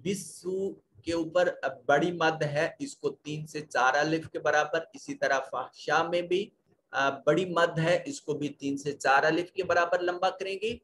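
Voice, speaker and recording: Guy explaining quran reading rules bit by bit, kinda higher voice, faint background noise. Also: fairly even intonation, a bit bright. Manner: slow, methodical, explains each letter rule step by step. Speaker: Quran recitation teacher. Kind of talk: tajweed lesson explaining rules.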